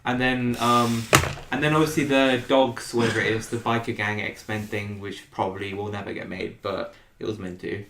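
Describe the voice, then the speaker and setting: A man's voice: on the low side, fairly even intonation, normal speed, hardly any pauses, fairly bright tone. A man with a London accent, chatting casually on a podcast and rambling through his points. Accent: London English. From England. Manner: rambling, trails off and restarts. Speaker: podcast host. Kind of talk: casual chat. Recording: echoey room, faint noise.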